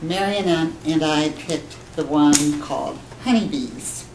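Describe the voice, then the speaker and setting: A woman from the library staff reading children's poems aloud in a clear, expressive storytelling manner. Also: low-pitched, takes it slowly. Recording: echoey room with background hum.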